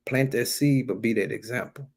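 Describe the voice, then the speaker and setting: Here an American man speaks at normal speed in a medium-pitched voice that is husky and a little mellow. His sermon is casual and colloquial, urging listeners on as he repeats and emphasizes key phrases.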